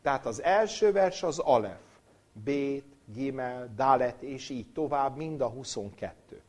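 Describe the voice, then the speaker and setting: A man giving a Bible lecture with a personal story, dramatic, swinging from loud emphasis to near-whispered recitation. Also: mid-range voice, animated.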